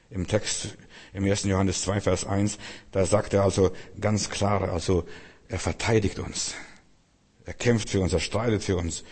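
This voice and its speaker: A man's voice: fairly low pitch, darkish tone, breathy edge, in a large hall. A man preaching a sermon, earnest and repetitive, speaking directly to the listener.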